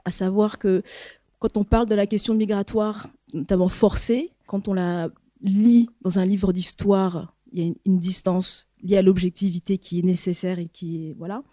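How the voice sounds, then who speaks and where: A woman from the audience speaks slowly and reflectively, pausing often on "euh" as she builds her thought. Her voice is mellow and darker in tone, and the sound is close and dry. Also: medium pitch, steady tone, dry recording. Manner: careful, reflective, with many hesitations. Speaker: audience member sharing a reflection. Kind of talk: audience comment at a public talk.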